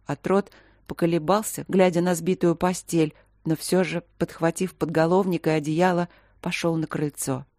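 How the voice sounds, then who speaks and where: A woman narrating a fantasy audiobook in measured, expressive storytelling. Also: on the low side, no echo, studio quality. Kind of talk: scripted narration.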